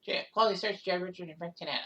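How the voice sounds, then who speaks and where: A woman hosting a casual recap of a simulated baseball season, reading off league leaders with quick asides and self-corrections. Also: on the low side, a bit bright, poor audio. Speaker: host. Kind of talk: casual game stats recap.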